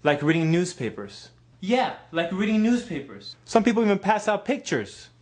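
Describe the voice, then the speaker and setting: Young male comic host, animated and bright-pitched, roomy echo. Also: normal speed. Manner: playful, lively delivery. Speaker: comedy sketch host. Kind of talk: comedic sketch with tips. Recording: echoey room.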